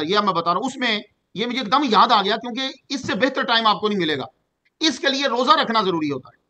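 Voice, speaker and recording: A middle-aged man from Pakistan giving a Quran commentary lesson, explaining at an easy pace and slowing down to chant the Arabic verses. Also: sits high, sharp tone. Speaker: Quran teacher.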